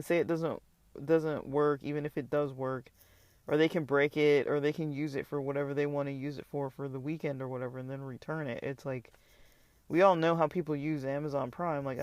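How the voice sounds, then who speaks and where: A man's voice: on the high side, darkish tone, no echo. A tired man rambling casually through a vlog update about his online store, with lots of fillers and restarts. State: tired, yawning. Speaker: online seller vlogger.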